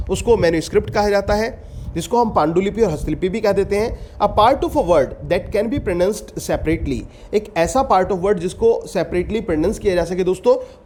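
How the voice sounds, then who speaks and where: A man with a high, bright-pitched voice works through a vocabulary lesson. He reads each definition slowly and deliberately, then quizzes his listeners by repeating the answer. A faint background noise sits under the recording. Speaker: English teacher. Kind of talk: exam-prep vocabulary lecture.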